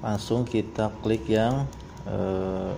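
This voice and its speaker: A noisy amateur phone recording of a man hosting a casual tutorial. His voice is on the low side and very slow, moving haltingly from one step to the next. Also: fairly even intonation, gravelly. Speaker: tutorial host.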